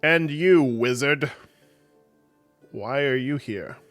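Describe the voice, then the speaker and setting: A man voicing a booming male god who speaks in slow, grand and condescending pronouncements. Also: fairly bright tone, faint music behind. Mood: lofty.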